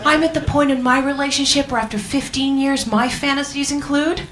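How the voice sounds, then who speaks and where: A woman's voice: high-pitched, fairly even intonation, brisk, fairly bright tone, a little hiss or hum. A woman with an American accent, born in England, doing a stand-up set with crowd work, teasing and swearing and laughing between jokes. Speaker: stand-up comedian. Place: comedy club stage before a live audience.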